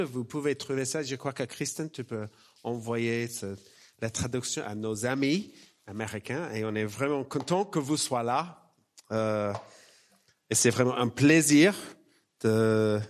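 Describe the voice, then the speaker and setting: This is a conversational, personal sermon in French from a man whose mother tongue is English and whose accent is Australian. He speaks at a middle pitch, informally and haltingly, often downplaying himself.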